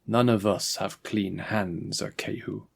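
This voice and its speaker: A man's voice: on the low side, steady tone, slow, creaky, slightly rough, exaggerated voice. A man reading the part of a stern, dutiful guard captain in an audiobook story, speaking firmly and tersely.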